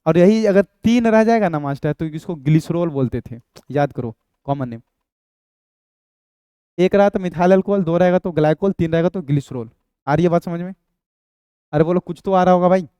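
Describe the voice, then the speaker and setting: A man's voice: on the high side, normal speed, long pauses, warm tone, clean tone, no echo. A young male chemistry teacher, giving a playful exam-prep lecture and joking with imagined students. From Bihar. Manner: playful, banters with imagined students, sings a snatch.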